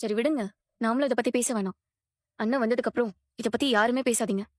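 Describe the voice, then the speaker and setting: An actress playing a sensible wife who calms her family in a firm, soothing way. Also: on the high side, quick pace, no echo, studio quality, natural voice. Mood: calming.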